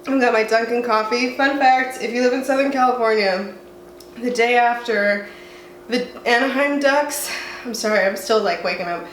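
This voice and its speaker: A young woman from the Southwest, sick with a cold and sounding congested, vlogs chattily from home, rambling and laughing at herself. Her fairly high voice moves at a moderate pace over a roomy echo and faint room noise.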